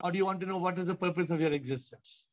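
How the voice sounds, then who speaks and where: A man's voice: high-pitched, racing. A man in his fifties with an Indian accent, hosting a spiritual discussion with emphatic, repeated rhetorical questions. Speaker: host and spiritual teacher. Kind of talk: question-and-answer spiritual discourse. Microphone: video call. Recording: dull compressed video call audio.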